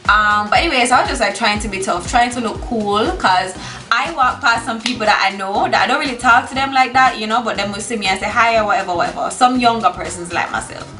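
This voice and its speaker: A young adult woman with a Jamaican accent tells a casual, animated personal story for a vlog, slipping into Jamaican Patois. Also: a little high, fast talker. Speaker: storytime vlogger. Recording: roomy echo with music behind.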